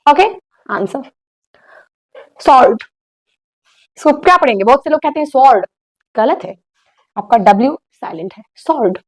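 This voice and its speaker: A young woman, an English teacher, giving a classroom lesson in Hindi and correcting words with quick rhetorical questions. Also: sits high, expressive.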